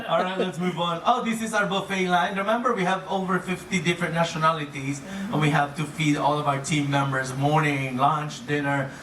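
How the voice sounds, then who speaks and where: A man speaking as an upbeat, playful cruise director, giving a joking live presentation to guests. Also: a little high. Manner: chuckles often at own jokes. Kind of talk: comedic live presentation to an audience. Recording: echoey noisy room, distant mic.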